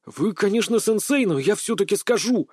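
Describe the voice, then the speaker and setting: A man's voice: high voice, animated, moderate pace, a little mellow, husky, no echo, studio quality, voice pushed up. A man reading an audiobook voices an earnest teenage schoolboy who blurts out his protests indignantly. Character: earnest teenage schoolboy trainee, self-righteous then flustered. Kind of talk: audiobook character voicing.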